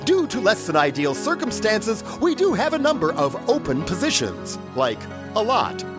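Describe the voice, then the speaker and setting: An actor playing a straight-faced, salesy announcer in a parody radio sponsorship spot. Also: male voice, high voice, huge pitch swings, normal speed, over music. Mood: upbeat, salesy. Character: chipper deadpan sponsor announcer.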